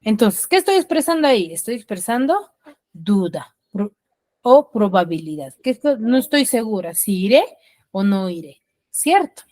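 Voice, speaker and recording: A woman teacher giving an online class, explaining patiently, acting out example sentences with feeling and often tagging on quick checking questions. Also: mid-range voice, sing-song, a little mellow, no room sound.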